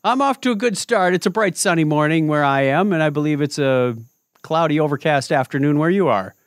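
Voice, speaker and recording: A podcast host with a higher-than-average voice runs a lively, joking interview, often drifting off on tangents. He talks fairly quickly, and the studio recording is clean and dry.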